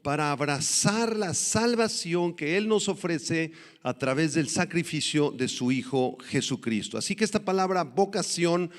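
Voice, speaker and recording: A male pastor preaching a sermon with emphasis, slowing down to stress scripture verses. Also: on the high side, animated, in a large hall.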